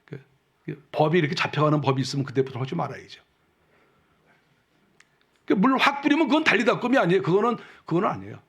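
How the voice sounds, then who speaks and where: A male pastor preaching a sermon in a conversational way, full of rhetorical questions, and dropping his voice low and soft when he acts out quoted speech. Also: big pitch swings, fast, gravelly, pauses often, husky. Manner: acts out quotes softly and lower.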